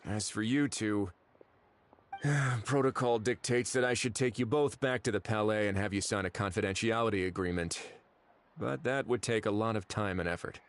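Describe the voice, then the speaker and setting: A man's voice: lowish voice, normal speed, natural voice. An actor voicing a composed, authoritative male investigator in a video game.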